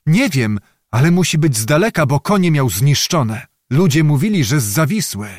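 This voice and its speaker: A nervous male innkeeper who answers quickly and deferentially, put on by a male narrator. His voice rides high, the recording dry. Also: sing-song, no room sound.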